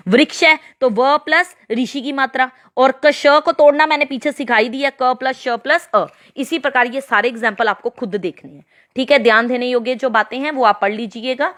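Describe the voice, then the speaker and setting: A woman's voice: on the high side, fairly bright tone. A woman teaching a grammar lesson to children, spelling out letters step by step and checking with questions. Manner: slow, spelled-out explanations with frequent checking questions.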